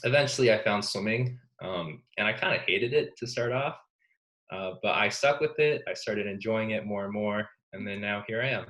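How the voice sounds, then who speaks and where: A young Canadian man, a student athlete, answers interview questions as a guest in a very low voice. He's soft-spoken and easygoing, often stopping with "um" while he thinks, and the recording is rough.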